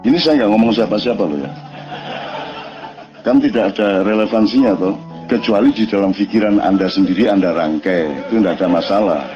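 A man from East Java, Indonesia, speaks briskly in a lowish voice, giving a loose, conversational religious lecture filled with rhetorical questions in his East Javanese accent. The recording is muffled, and music plays in the background.

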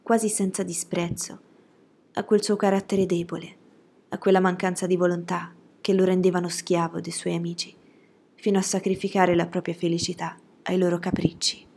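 Woman audiobook narrator, measured novel reading, dark mellow tone, husky breathy texture. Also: on the low side, flat delivery. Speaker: audiobook reader.

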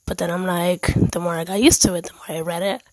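A woman's voice: lowish voice, fairly even intonation, a little fast, no room sound, low-quality recording. A woman hosting her own podcast, talking candidly and earnestly about her life in a heartfelt monologue. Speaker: podcast host.

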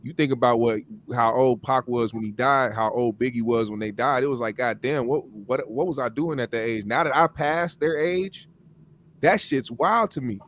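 A man's voice: medium pitch, normal speed, a bit bright, a little hiss or hum. A young man co-hosting a casual podcast, talking things through in a reflective way. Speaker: podcast co-host.

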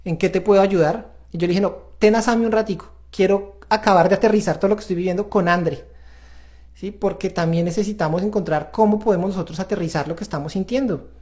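A man's voice: sits high, steady tone, fast talker, a little mellow. A man hosting a faith-based parenting talk, earnest and confessional as he speaks straight to viewers. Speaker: parenting show host.

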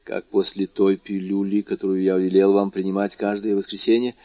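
A man voicing a grave, composed male doctor who speaks in a measured, low, sometimes hushed way. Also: level tone, no echo. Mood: urgent. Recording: dull dry lo-fi recording.

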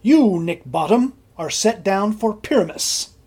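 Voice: medium pitch, expressive, measured pace, darkish tone, breathy edge. An actor playing an earnest, officious male director of amateur players in a Shakespearean comedy, fussing and coaxing.

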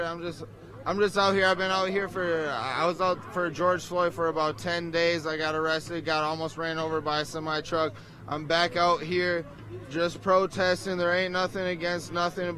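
A man's voice: a little high, steady tone, moderate pace, pushed and bright. Choked-up man at a street protest. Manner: earnest, emotional, rambling. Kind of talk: street interview. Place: outdoor city street.

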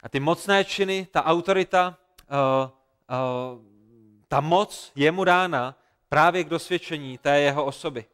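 A man's voice: fairly high pitch, fairly bright tone, smooth. A man preaching a sermon, retelling a scripture story with earnest, emphatic repetition. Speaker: pastor.

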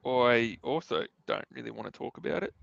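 An Australian man co-hosting a podcast of casual sports betting chat, with a hesitant, halting delivery. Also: mid-range voice, creaky, fairly bright tone, dry recording. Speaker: podcast co-host. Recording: dull, close dry sound.

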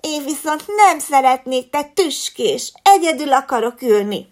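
A woman's voice: a little high, sing-song, vocal fry, darkish tone, heavily acted. A woman voicing a spoiled, haughty little fox girl who claims royal birth, talking in a whiny, snooty way.

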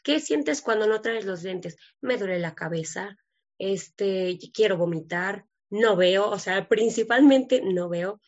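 A woman's voice: medium pitch, animated, slow pace, lo-fi sound. A woman, a guest telling her story earnestly and acting out the dialogue. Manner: earnest, emotional, acts out dialogue. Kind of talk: personal testimony in an interview.

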